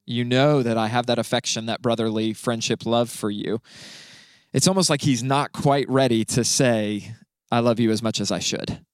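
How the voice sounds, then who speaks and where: A man, a pastor, explaining a Bible passage in a relaxed conversational way, often checking in with "right?". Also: mid-range voice, normal speed, no echo. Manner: explanatory, frequent "right?" and fillers.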